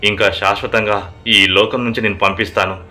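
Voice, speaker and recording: A man's voice: fairly low pitch, steady tone, normal speed. A man voicing a bold defiant village farmer. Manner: brave, defiant shouting. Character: bold middle-aged male village farmer.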